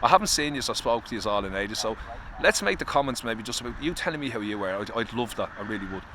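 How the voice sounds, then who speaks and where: A man's voice: on the low side, animated, quick pace, pushed and bright. An Irish man talking earnestly and confessionally to camera outdoors in the cold, swearing casually, with faint traffic behind. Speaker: vlogger. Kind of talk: candid personal vlog.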